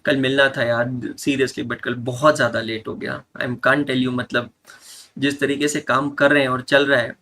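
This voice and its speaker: A man's voice: mid-range voice, little pitch movement, a little slow, sharp tone. A man teaching a live online class, joking and bantering with students as he mixes Hindi and English.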